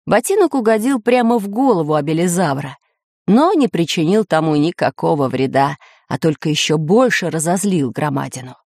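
A woman narrating a children's storybook in an expressive, animated way. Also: low voice, normal speed, no room sound, clean studio sound. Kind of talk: storybook reading.

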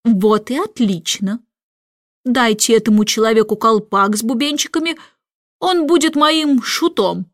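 A forgetful, boastful storybook king who hates his lessons draws out every word with slow pomp, as a woman reads him. The voice sits fairly high, and the dry close sound has almost no room echo. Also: close to an everyday voice. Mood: whiny, pompous. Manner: slow, drawn-out, pompous delivery.

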